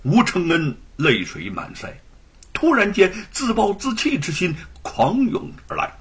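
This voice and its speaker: A man narrating a serialized story in an expressive, dramatic storytelling manner. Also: sits high, unhurried, breathy edge. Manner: expressive, swings between loud and hushed.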